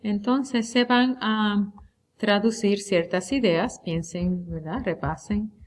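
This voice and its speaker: A woman teaching Spanish, reviewing a unit for an exam. She speaks slowly and deliberately and draws out the example words. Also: mid-range voice, slight background noise. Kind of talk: recorded lecture review.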